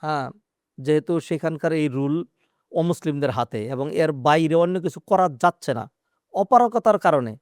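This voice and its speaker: A man, an Islamic scholar answering questions in a measured, explaining way with hesitant fillers. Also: a little high, lively intonation, no echo, studio quality. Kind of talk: religious Q&A interview.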